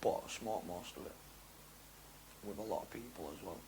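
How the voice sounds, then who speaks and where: Gravelly slangy man. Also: moderate pace, slight background noise, low-quality recording. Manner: slangy, rambling, drifts between loud excitement and low mumbling. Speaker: interview guest. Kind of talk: candid interview talk.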